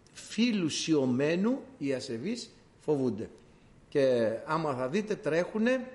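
A male preacher delivering a sermon, telling stories in an animated way and addressing his listeners as dear brothers. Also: on the high side.

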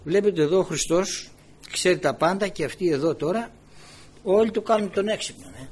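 A man preaches a sermon full of rhetorical questions, swinging between low murmurs and loud exclamations. His voice has a breathy edge.

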